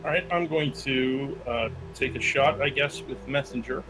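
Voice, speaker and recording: A man's voice: medium pitch, normal speed, music in the background, low-quality recording. A man playing a tabletop game, chatting casually and tentatively as he thinks through his moves.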